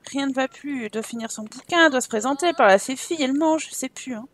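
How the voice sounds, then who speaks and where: Young woman, high-pitched, casual let's-play commentary, exasperated and swearing. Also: very fast. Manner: exasperated, swears at the game, talks to her Sims. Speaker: Sims let's play streamer.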